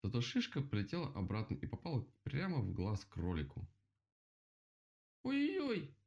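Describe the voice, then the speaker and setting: Gravelly man reading a children's story. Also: fairly low pitch, fairly quick. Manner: expressive storytelling. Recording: dull lo-fi recording.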